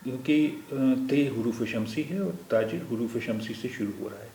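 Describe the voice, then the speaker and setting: A man's voice: medium pitch, darkish tone. Male teacher in an echoey room. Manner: patient, explains step by step and repeats terms. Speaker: language teacher. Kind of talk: spoken language lesson. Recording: echoey room with faint noise.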